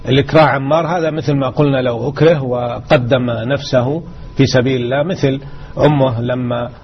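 On a muffled radio recording, a man with a medium-pitched, steady voice teaches a religious lesson at a brisk pace. He explains a hadith, urging his listeners on and repeating key words.

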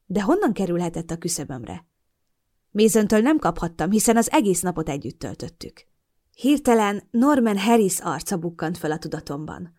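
A woman narrating a first-person audiobook with an expressive storytelling delivery. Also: on the low side.

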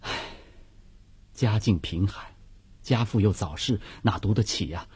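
A man's voice: lowish voice, measured pace, a little mellow, a little hiss or hum, close to an everyday voice. An actor playing a mild-mannered middle-aged prison clerk and father from Nanchang, talking politely and easily. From Nanchang, China. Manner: polite, easygoing. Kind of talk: radio drama acting.

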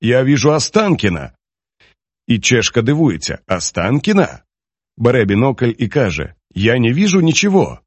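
A man's voice: mid-range voice, wildly swooping pitch, normal speed, husky, dry recording. A man playing a sly joking Soviet man. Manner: mocking, anecdote-telling, mimicking others.

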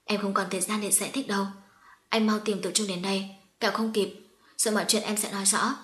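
A woman reading the lines of a gravely ill young woman who pleads urgently and faintly. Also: medium pitch, level tone, quick pace, fairly bright tone, natural voice.

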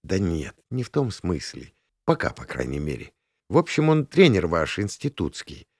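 A man's voice: low-pitched, wildly swooping pitch, moderate pace, slightly rough, no room sound, exaggerated voice. A man voicing a friendly young female doctor who coaxes and pleads for a favor, in a dry close recording. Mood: coaxing. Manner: coaxing, pleading.

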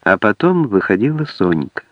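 A man reading an audiobook in a measured storytelling manner. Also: fairly low pitch, sing-song, dry recording. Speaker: audiobook narrator. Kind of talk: scripted narration. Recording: dry, dull lo-fi audiobook.

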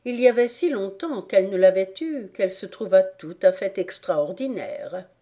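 A woman narrating a classic children's novel in a calm, measured storytelling manner. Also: medium pitch. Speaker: audiobook narrator.

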